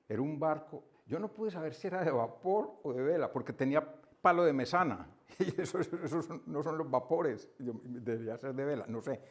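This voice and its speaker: A man's voice: medium pitch, darkish tone. Guy retelling a book to a small group, chatty, laughs a lot, keeps repeating himself. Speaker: book club speaker. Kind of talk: casual book discussion. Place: coworking room with a small group.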